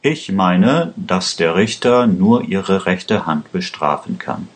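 A man voicing a sly, scheming defense lawyer who speaks smoothly. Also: sits low, expressive, takes it slowly.

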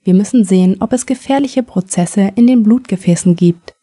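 A calm male surgeon, read by a woman who explains things in a measured way. The voice is mellow and dry. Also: mid-range voice, breathy edge, dry recording, natural voice.

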